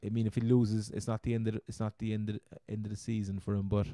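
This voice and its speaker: Cork-accented Irish man with a mellow voice. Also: on the low side, flat delivery, quick pace, no room sound, studio quality. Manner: rambling, repeats his words. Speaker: podcast host. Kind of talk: casual chat, fantasy football commentary.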